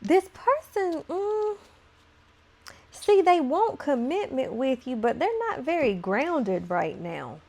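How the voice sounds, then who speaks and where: A woman reads tarot cards for her viewers in a loose, chatty way, playful and quick to laugh. Her voice sits a little high with a gravelly fry running through it. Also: sing-song, a little mellow. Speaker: tarot reader. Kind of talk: casual tarot card reading to viewers.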